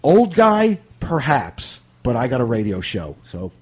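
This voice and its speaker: A man's voice: fairly low pitch, animated, moderate pace, breathy edge. A middle-aged man hosting a radio show, chatting casually about films with rambling, wisecracking remarks and profane asides. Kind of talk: casual film chat.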